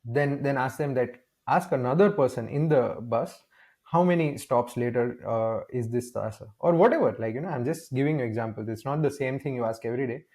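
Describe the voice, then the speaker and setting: In a relaxed interview, a young guest from India recounts stories with animation, performing bits of dialogue and restarting his sentences often. He speaks at a brisk pace in a medium-pitched voice.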